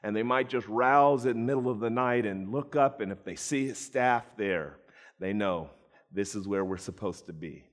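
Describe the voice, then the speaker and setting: A man preaching a storytelling sermon, animated, acting out voices and addressing listeners by name. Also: lowish voice, moderate pace. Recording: long reverb in a large hall.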